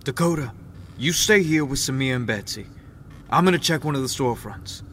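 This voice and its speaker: A man's voice: medium pitch, expressive, a little fast, fairly bright tone, a little hiss or hum, close to an everyday voice. A man playing a terse young caravanner with cowboy bluster. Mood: guarded. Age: young adult. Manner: terse, talks like a grizzled cowboy. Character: young male caravanner, gruff protective cowboy talk. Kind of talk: audio drama acting.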